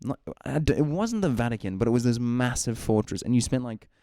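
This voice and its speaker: A man co-hosts a casual gaming podcast, rambling through his thoughts with lots of "likes" and "ums" and laughing easily. His medium-pitched voice is warm and expressive at a fairly quick pace. The studio sound is clean, with no echo.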